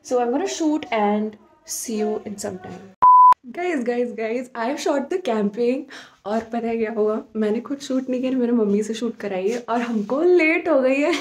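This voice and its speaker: A young vlogger chats casually to camera, slipping English phrases into her talk. Her voice is a little high and darkish, slow, with lively intonation.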